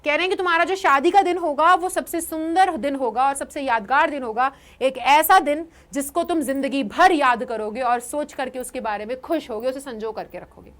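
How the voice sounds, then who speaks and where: With a high voice, a young Indian woman explains English words in Hindi during a lively online lesson. She reads each English example aloud slowly.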